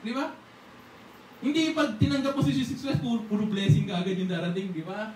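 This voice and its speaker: This sermon comes from a preacher whose medium-pitched, slightly mellow voice moves fairly quickly with fairly even intonation. He keeps it conversational, often asking "di ba?" and acting out prayers. The echoey church hall makes the voice sound distant, and a faint hiss runs underneath.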